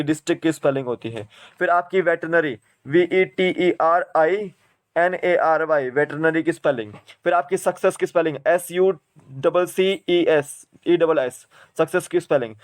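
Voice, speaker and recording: Young indian guy, himachal accent, spelling words out letter by letter for exam prep, slightly high voice. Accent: Indian, Himachal Pradesh. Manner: spells words out letter by letter, then repeats them. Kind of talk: spelling and vocabulary lesson.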